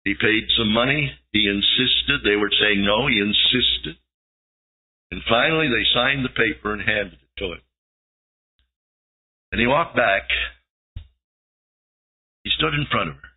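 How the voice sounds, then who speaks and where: A man's voice: lowish voice, a little slow, long pauses, husky. A man preaching a sermon, telling a story dramatically and building to emphatic peaks. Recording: tinny lo-fi tape recording.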